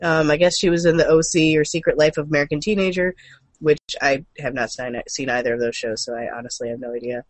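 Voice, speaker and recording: In a quick, steady-toned medium-pitched voice, a co-host from a gaming and comics news show chats loosely about comics, films and cartoons. The delivery is casual and jokingly wry, and the recording is dry.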